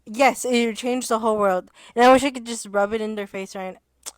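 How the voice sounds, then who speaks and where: A woman's voice: on the high side, steady tone, a little fast, dry recording. A young adult woman vlogging in a rambling casual chat, interrupting herself and swearing, as she starts to lose her voice. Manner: rambling, self-interrupting, swears and laughs often.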